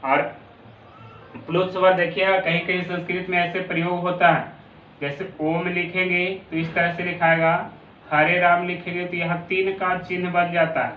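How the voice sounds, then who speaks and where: A man's voice: high voice, flat delivery, moderate pace, slight background noise. A male teacher with a Bihari Hindi accent explaining a lesson, repeating definitions and drawing out sounds. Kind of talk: classroom lesson. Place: classroom. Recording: echoey room, distant tinny phone-like mic.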